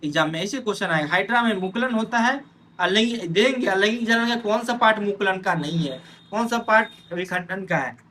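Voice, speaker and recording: A man's voice: high-pitched, a little fast, bright, forceful tone, a little hiss or hum. A man teaching an exam-prep lesson, talking straight to his students and checking in often with "theek hai". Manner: addresses students directly, pointing at notes.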